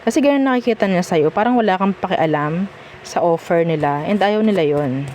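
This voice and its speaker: Fairly quick and expressive, this woman's voice is on the low side and a little mellow, with slight hiss or hum in the audio. She reads tarot casually with a Filipino accent, chatting reassuringly in Tagalog and English and checking in with "okay?" often.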